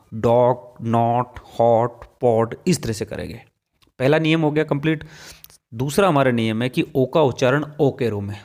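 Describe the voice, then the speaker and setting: A man's voice: mid-range voice, darkish tone. Male English teacher, patient and repetitive, spells out words while explaining rules. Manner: patient, repeats each rule several times and spells words letter by letter.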